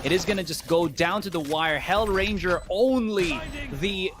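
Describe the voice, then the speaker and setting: A man commentating live on an esports match as an excitable caster, exclaiming and throwing out rhetorical questions. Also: high-pitched, measured pace, heavy background noise.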